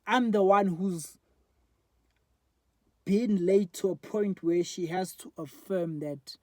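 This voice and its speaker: Mellow young South African man musing. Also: high voice, takes it slowly, dry recording. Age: 20s. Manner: rambling and candid, many fillers. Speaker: vlogger. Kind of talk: casual reflective monologue. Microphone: phone front camera.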